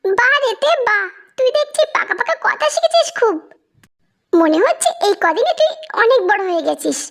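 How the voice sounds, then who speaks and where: A woman's voice: very high voice, sing-song, normal speed, creaky, a bit bright, heavily acted. A woman voicing a teasing, chatty young man in a storybook reading.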